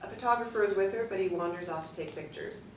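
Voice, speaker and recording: A woman reading a screenplay's stage directions aloud in a measured, matter-of-fact way. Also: mid-range voice. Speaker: narrator. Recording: roomy, distant from the mic, faint noise.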